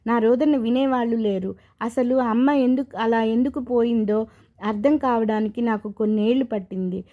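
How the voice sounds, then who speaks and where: A woman voicing a grieving young married man haunted by his past, told slowly and from the heart. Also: on the high side, dull audio, natural voice.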